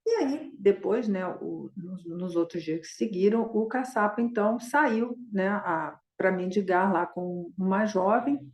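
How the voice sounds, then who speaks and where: A woman teacher retells a Buddhist story during a dharma talk, speaking casually and tagging her sentences with little questions. Her voice is mid-pitched. The recording is roomy and echoey. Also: a little slow, few pauses, a little mellow. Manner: conversational, with a constant tag question "né?".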